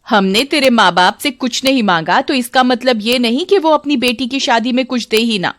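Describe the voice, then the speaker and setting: A woman's voice: fairly high pitch, normal speed, fairly bright tone, no room sound, studio quality, voice pushed up, lightly acted. A woman voicing a greedy, harsh middle-aged mother-in-law who scolds sharply. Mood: scornful.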